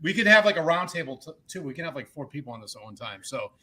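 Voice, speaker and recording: A man with a heavy Boston accent, hosting a podcast from his bedroom and trading jokes in quick banter. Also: a little high, sing-song, bright, forceful tone. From suburbs of Boston, United States. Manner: fast, joking banter. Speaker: podcast host. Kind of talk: casual chat.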